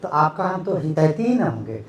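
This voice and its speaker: A young man lecturing a class, animated and firing rhetorical questions at his students. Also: a little high, normal speed, a little hiss or hum. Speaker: teacher.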